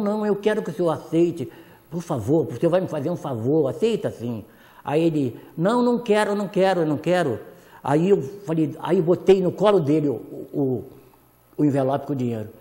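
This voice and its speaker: A man on a talk show tells an emotional story and acts out the dialogue. His voice is fairly high but mellow. It carries a long studio reverb with soft guitar behind it. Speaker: songwriter guest.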